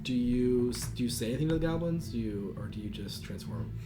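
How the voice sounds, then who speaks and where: Lively man running a tabletop game. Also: medium pitch, a little fast, music in the background. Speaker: game master. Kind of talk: casual narration of a tabletop role-playing game.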